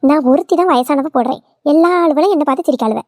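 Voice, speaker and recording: A woman's voice: high-pitched, fast talker, darkish tone, no echo. A woman voicing a scolding older village mother-in-law, in a cartoon. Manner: nagging, scolding. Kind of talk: cartoon voice acting.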